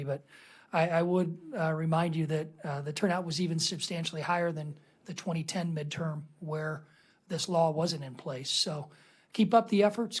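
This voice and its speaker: A woman's voice: low-pitched, a little mellow, breathy edge. A woman questioning a witness as a committee member at a formal hearing, pointed and pressing in her delivery.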